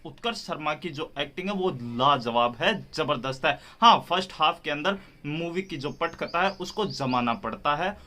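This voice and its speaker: A man's voice: fairly high pitch, animated, moderate pace, hardly any pauses, sharp tone. A man hosting a reaction video, mocking a film review in a heated, sarcastic way.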